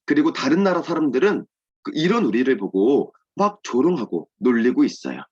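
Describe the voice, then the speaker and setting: A man's voice: medium pitch, big pitch swings, normal speed, husky. Distressed male messengers, urgent lament, dull recording, as a preacher puts them on. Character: distressed male messengers bringing bad news. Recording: dull lo-fi sound.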